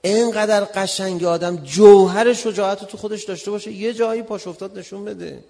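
Man preacher, fairly high voice, lively storyteller, sermon, long hall reverb. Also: vocal fry. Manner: lively storytelling, acts out shouted arguments. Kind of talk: sermon with personal anecdote.

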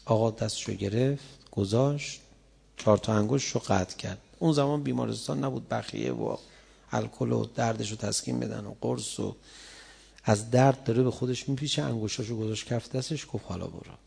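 A man giving a colloquial religious sermon, telling stories in a conversational way and building up to loud, impassioned passages. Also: mid-range voice, gravelly, breathy edge. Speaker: preacher.

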